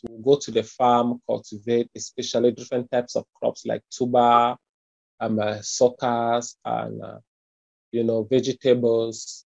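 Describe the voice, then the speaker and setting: Man, Cameroonian accent, hesitant with many fillers, relaxed dark tone, dry close sound. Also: medium pitch, no room sound, muffled recording. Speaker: interviewee. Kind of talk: casual conversational interview.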